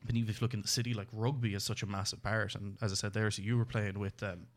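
Fast-talking Irish man hosting radio. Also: fairly low pitch, little pitch movement. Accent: Irish, Limerick. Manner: quick, chatty, enthusiastic. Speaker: host. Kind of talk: casual student radio chat.

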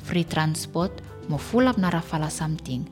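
Female narrator, Vanuatu accent, very deep register, scripted documentary read over faint music. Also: expressive, normal speed, a little mellow.

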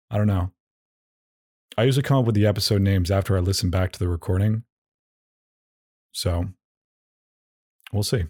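A solo podcast host with a fairly low, mellow voice chats casually, recorded close and dry. He rambles in halting bits, frequently backtracking, with goofy, self-deprecating humor.

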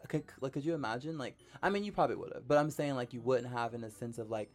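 A man co-hosting a casual podcast, chatty and full of fillers and quick affirmations. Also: medium pitch, faint music behind. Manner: chatty, lots of likes and affirmations. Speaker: podcast co-host. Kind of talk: casual chat.

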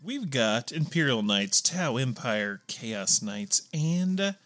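A man's voice: mid-range voice, big pitch swings, slow pace, fairly bright tone. A man hosting a casual gaming podcast, giving dry, joking short replies. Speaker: podcast host.

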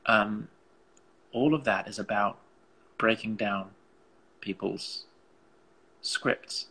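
A man from England with an English accent and a gravelly, slightly husky voice, talking earnestly and reflectively as an interview guest, working out thoughts in broken phrases. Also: fairly low pitch, fairly even intonation, slow, bright, forceful tone, low-quality recording. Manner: earnest, searching, thinks aloud in broken phrases. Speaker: interview guest, musician and artist.

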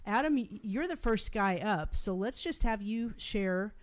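A woman's voice: mid-range voice, animated, unhurried. A woman hosting a casual livestream, speaking in an informal, reassuring way. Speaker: host.

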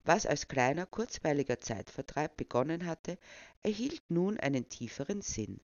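A man reading a novel aloud as narrator, even and measured. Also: fairly high pitch, dry recording, muffled recording. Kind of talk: audiobook reading.

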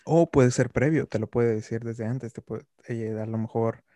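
A young man on a podcast, calmly explaining his views in casual conversation. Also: mid-range voice, normal speed, no room sound. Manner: calm, reflective explaining. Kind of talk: casual chat.

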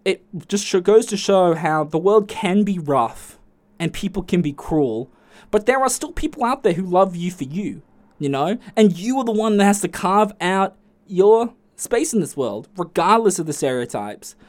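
Man, Australian accent, casual podcast monologue, lively pitch, chatty. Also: normal speed. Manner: chatty, swears freely, jumps to high excited pitch. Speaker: podcast host. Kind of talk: casual solo podcast storytelling.

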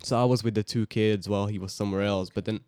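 A sixteen-year-old Hungarian-born young man, a podcast guest, chatting casually and telling stories in a rambling, relaxed way. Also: lowish voice, fast, clear, resonant tone, dry recording, studio quality. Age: teens. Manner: relaxed, rambling storytelling with fillers.

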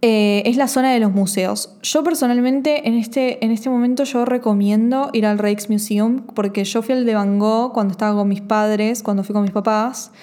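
Young woman, Rioplatense accent, mellow voice, chatty travel vlogger who gushes and repeats herself. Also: fairly high pitch, fairly even intonation, normal speed, hardly any pauses. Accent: Rioplatense Spanish. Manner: chatty, gushing, repeats phrases. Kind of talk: casual travel recommendations.

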